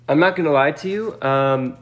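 A man's voice: on the high side, fairly bright tone. A man hosting a casual chat, reacting with short remarks and laying out questions. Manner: plays along with short reactions, lays out questions. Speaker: podcast host.

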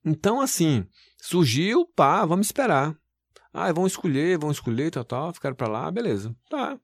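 A man's voice: a little high, sing-song, moderate pace, dry recording. A man, working as a TV news presenter, telling his story animatedly with folksy exclamations in an interview.

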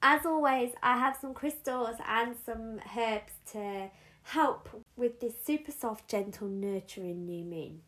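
A woman's voice: a little high, unhurried, fairly bright tone. A woman giving an earnest, conversational spiritual guidance talk, leaning on emphatic repetitions. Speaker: spiritual guide.

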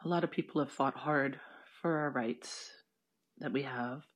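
A person leading an audio walking tour in an informal, halting way, with chatty asides. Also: mid-range voice.

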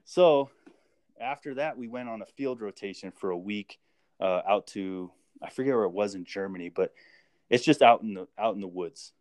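A man with a fairly low voice, recorded close and dry, tells old army stories. He talks in a loose, profane, easygoing way and acts out every exchange with his sergeants. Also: moderate pace, dry recording. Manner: lively anecdote-telling, acting out quoted dialogue; relaxed and profane, with frequent fillers. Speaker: guest; army veteran. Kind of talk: casual spoken storytelling.

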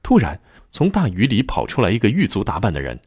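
A man narrating a ghost story in a dramatic, expressive storyteller style. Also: lowish voice, fast talker, slightly rough, dry recording, clean studio sound.

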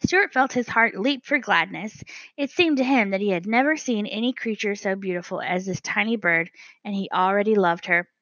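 A woman reading a children's storybook aloud as narrator, measured and gentle. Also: medium pitch, no room sound, dull audio. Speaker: audiobook narrator.

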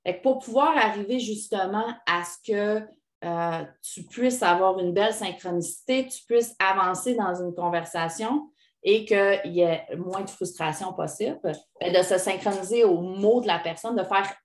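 Lively Québécois woman co-host, echoey room. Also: mid-range voice, moderate pace. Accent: Québécois French. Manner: animated, acts out quoted replies. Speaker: podcast co-host. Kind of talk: casual advice chat.

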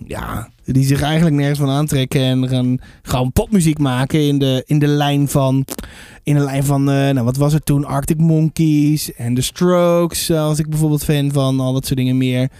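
A woman in her thirties from Drenthe in the Netherlands hosts a podcast and reviews books, chatting casually and rambling with plenty of fillers and restarts. Her voice is rumbling and low, warm, with fairly even intonation and a moderate pace. The recording is studio quality with no room sound.

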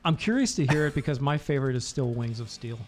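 A man's voice: mid-range voice, expressive, quick pace, soft background music. A man co-hosting a radio show in casual banter, agreeable and often echoing himself in short replies. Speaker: radio co-host.

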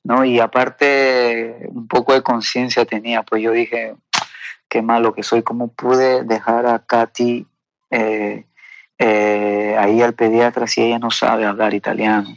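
Creaky-voiced man giving earnest testimony. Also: mid-range voice, little pitch movement, no echo, dull audio. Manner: halting and earnest, with many fillers and tag questions. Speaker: guest sharing a personal testimony. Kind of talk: emotional personal testimony.

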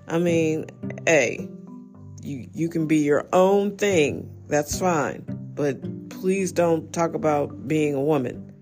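A woman's voice: deep voice, takes it slowly, over music. A woman hosting a casual personal monologue, candid and reflective, who laughs often and restarts her sentences.

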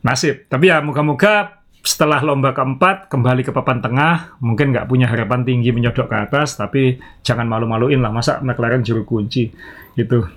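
A man's voice: medium pitch, a little fast. Man explaining at length on a podcast. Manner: explains at length, chuckles often. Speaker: podcast co-host. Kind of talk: casual podcast chat.

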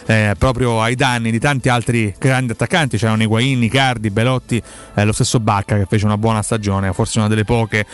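A man's voice: on the low side, level tone, brisk, smooth. A man hosting a radio show in a conversational sports-talk style.

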